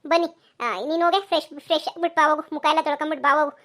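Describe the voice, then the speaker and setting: A woman's voice: high-pitched, flat delivery, racing, a bit bright. A woman voicing a kind, forgiving young daughter-in-law in a cartoon, speaking soothingly. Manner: soothing, reassuring. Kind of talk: cartoon voice acting.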